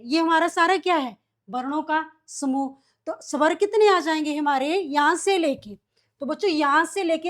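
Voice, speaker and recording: A woman with a fairly high voice gives a classroom lesson to young pupils. She asks a question and answers it herself, repeating each key term in a steady call-and-response rhythm. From India. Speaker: teacher.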